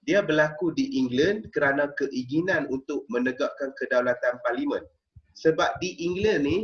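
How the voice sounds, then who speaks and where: A man's voice: mid-range voice, a bit bright, muffled recording. A man teaching a history lesson to a class, explaining step by step and often checking in with his students. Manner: explanatory, checks in with frequent "okey?" and "ha?". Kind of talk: classroom lecture.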